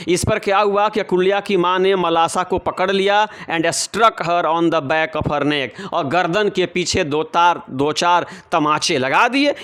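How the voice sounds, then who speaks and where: High-voiced teacher explaining. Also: male voice, fairly bright tone. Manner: reads English lines slowly, then explains and repeats in Hindi. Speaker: English teacher. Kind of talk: classroom explanation.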